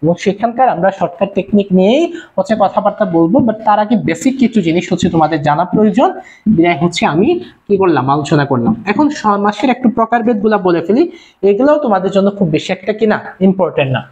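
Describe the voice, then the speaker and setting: A young man from Bangladesh teaching an online class, repeating his points and firing quick questions at his viewers. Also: high voice, animated, darkish tone. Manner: fast, repetitive, calls out questions to viewers. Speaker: online tutor. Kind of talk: live-streamed class lecture. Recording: dull lo-fi stream audio.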